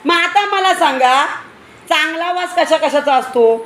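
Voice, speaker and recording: High-voiced woman teaching small children. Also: a little slow. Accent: Marathi. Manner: questioning, coaxing children to answer louder. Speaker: preschool teacher. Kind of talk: classroom teaching to young children.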